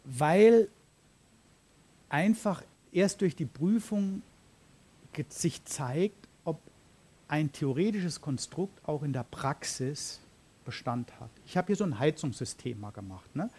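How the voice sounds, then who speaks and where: A man's voice: a little high, animated, takes it slowly, warm tone, slightly rough. A man preaching a sermon in an informal, conversational way, often dropping in fillers and asking his listeners questions. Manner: conversational, frequent "ja" and "ähm" fillers.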